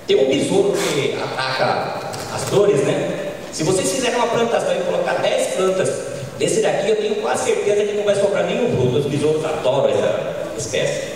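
In a large conference hall, a middle-aged Brazilian agronomist gives an informal lecture into a handheld mic, frequently closing his points with quick tag questions. His Brazilian Portuguese-accented voice is high-pitched and sing-song yet darkish in tone. Filmed from far away, the sound is echoey with slight background noise.

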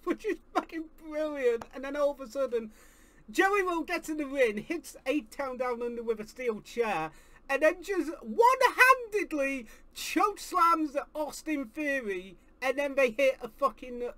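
A man reviewing a wrestling show live, excitable and swearing heavily, breaking into shouts. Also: very high-pitched, dry recording. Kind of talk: live watch-along commentary.

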